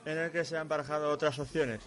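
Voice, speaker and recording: A man co-hosting a relaxed podcast. His voice sits fairly high, and he is playful, leaning into a rolled R. He keeps it chatty and loose. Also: quick pace. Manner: playful, rolls his R on purpose. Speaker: podcast co-host. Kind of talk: casual podcast chat.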